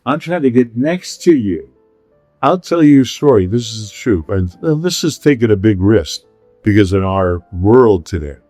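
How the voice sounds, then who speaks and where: A middle-aged man hosting a relaxed talk, drifting from one story to the next. He keeps circling back on himself and breaking into laughs. His voice sits close and dry on the mic, with faint music under it. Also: fairly low pitch, moderate pace, no echo. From Pacific Palisades, California. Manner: rambling storyteller, laughs often. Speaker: podcast host. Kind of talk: casual chat.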